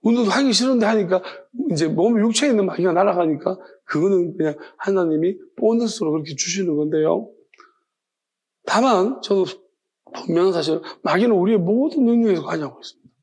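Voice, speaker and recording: A man's voice: sits high, fairly quick, a little mellow. A man preaching an informal evening sermon as a pastor, telling rambling personal stories. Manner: conversational, rambling, self-correcting. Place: church sanctuary.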